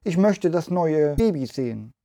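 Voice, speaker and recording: A frail old woman with aching legs, complaining as she limps along, as a male narrator puts her on. Her voice sits a little higher than his. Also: sing-song, measured pace, dark tone. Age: older.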